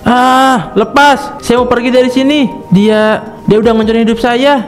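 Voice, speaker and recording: A crazed cartoon schoolteacher who rambles, panics and breaks into cackling laughter, voiced by a man. His voice sits high, and soft music plays underneath. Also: steady tone, moderate pace. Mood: terrified. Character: deranged male schoolteacher, scheming then crazed. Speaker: teacher. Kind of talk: cartoon voice acting.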